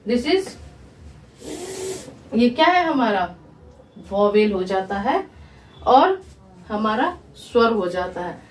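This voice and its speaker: In an echoey room, a woman's fairly high, sing-song voice reaches the mic from a distance as she teaches English grammar in Hindi. She goes slowly, posing questions to her students, repeating them, and answering them herself.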